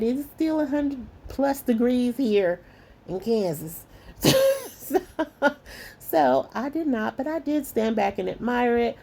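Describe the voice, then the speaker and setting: Lovies and y'all are what this middle-aged woman calls her viewers as she narrates a craft tutorial. Her somewhat high voice has a slight hoarseness, and her manner is warm and chatty.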